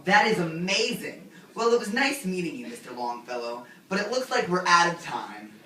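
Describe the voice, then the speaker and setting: In an amateur talk-show skit, a teenage girl plays a showy host who gushes over and fawns on her guests. Her lowish voice swings widely in pitch with a sharp tone at a moderate pace, recorded in an echoey room on a distant mic with faint noise.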